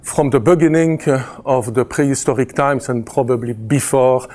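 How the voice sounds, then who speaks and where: A chemistry professor in his fifties with a Belgian French accent gives a conference presentation, hesitant and full of fillers and restarts, with a dry sense of humor. His voice is medium-pitched and dark, with fairly even intonation and a moderate pace.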